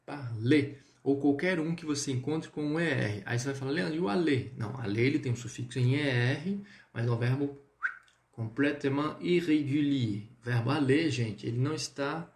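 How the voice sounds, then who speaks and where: A Brazilian man leads a live online French lesson and explains things patiently. He keeps checking in with his viewers as he goes. His voice sits at a middle pitch and carries a roomy echo. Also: normal speed, a little mellow. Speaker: French teacher. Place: indoor room, livestream.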